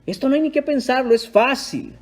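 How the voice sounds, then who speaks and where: A man's voice: extremely high pitch, big pitch swings, a little fast, voice pushed up, heavily acted. Man doing an exasperated Roman governor. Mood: incredulous. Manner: incredulous, pleading. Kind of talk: dramatic re-enactment within a sermon.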